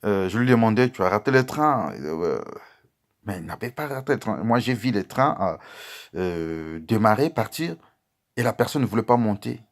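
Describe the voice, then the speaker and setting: A pastor with a rather low voice preaches a testimony. He speaks warmly to his beloved listeners and moves from loud outbursts to quiet asides. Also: animated, normal speed. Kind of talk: sermon testimony.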